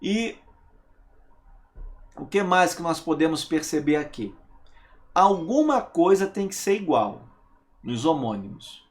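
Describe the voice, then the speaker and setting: A man teaches a recorded grammar lesson, his voice sitting a little high and rising and falling with animation. He speaks slowly and with emphasis, leaning on key words and pausing to check that his students follow. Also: sing-song. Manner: asks rhetorical questions and checks understanding with "tá?"; emphatic, stresses single words.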